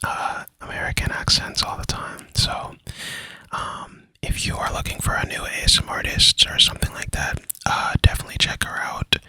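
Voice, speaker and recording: A man whispering breathily in ASMR style, slowly repeating playful words and nonsense syllables. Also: sharp tone.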